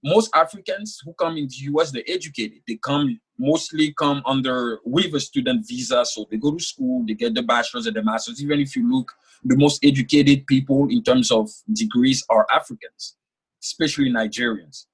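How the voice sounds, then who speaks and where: In this conversational interview, a young man whose native tongue is French speaks earnestly as an author. His voice is medium-pitched and husky at a moderate pace, he tends to repeat words while thinking, and the recording quality is low.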